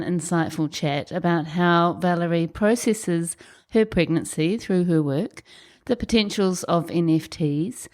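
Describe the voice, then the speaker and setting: A woman hosting a podcast interview in a guest's apartment, warm and encouraging, with affirming responses. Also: fairly low pitch. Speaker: podcast host. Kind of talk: scripted intro then conversational interview.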